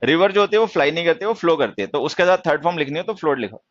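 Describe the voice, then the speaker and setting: A man teaching English grammar in a classroom lecture, teasing students about their mistakes and reading example sentences slowly. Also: on the high side, lively intonation, background noise. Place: coaching class in Delhi. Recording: dull, dry lo-fi sound.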